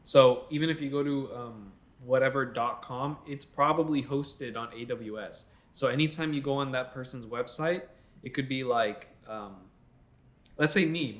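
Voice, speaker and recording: Young male co-host, mid-pitch, opinionated and ranting, filler-heavy casual chat. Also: fairly bright tone. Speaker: podcast co-host.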